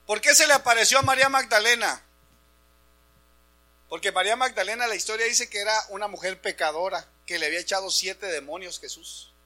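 A male preacher delivers an animated Easter sermon to his congregation. His voice sits high and sounds bright and forceful, and he often raises it to make a point. A faint mains hum runs under the church recording. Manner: animated, addresses congregation as brothers, shouts for emphasis. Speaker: pastor.

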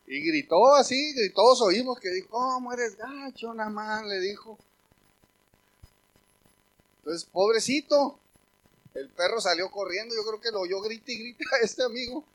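A man preaching a sermon as pastor, telling humorous stories and swinging from quiet asides to loud calls. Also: high voice.

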